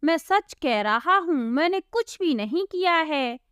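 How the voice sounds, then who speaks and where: A woman's voice: high-pitched, expressive, a little slow, fairly bright tone, dry recording, clean studio sound, voice pushed up. A woman doing an honest bewildered poor laborer. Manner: bewildered, protesting innocence.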